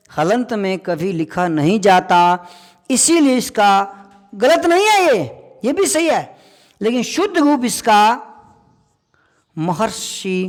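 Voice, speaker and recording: A male teacher giving a classroom grammar lesson, repeating key points and firing quick questions at his students. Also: high voice, in a large hall.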